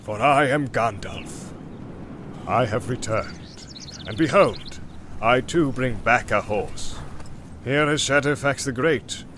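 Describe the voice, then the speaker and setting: A man voicing a stern old male wizard, speaking in a measured, grave, commanding way. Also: medium pitch, fairly bright tone, slight background noise.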